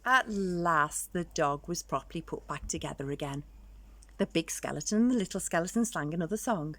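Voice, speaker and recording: A woman's voice: fairly low pitch, moderate pace, fairly bright tone, no room sound. A woman storyteller reading a children's picture book aloud expressively, drawing out words for dramatic emphasis.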